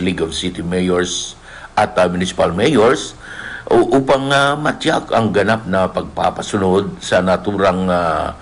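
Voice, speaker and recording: Filipino guy, middle aged, lowish voice, reading a radio news report, kinda halting. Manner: halting reading with frequent hesitations.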